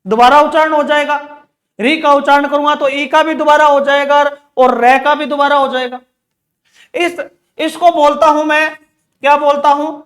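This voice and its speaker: A man's voice: very high-pitched, steady tone, normal speed, a bit bright. A man teaching an exam-prep grammar lesson, asking questions and answering them himself, repeating key words. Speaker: Hindi teacher.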